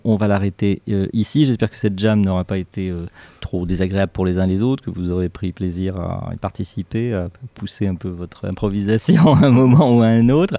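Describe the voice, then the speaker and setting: A man's voice: low-pitched, mellow, no room sound. A man hosting a French radio talk show, easygoing and hesitant, with many fillers. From France.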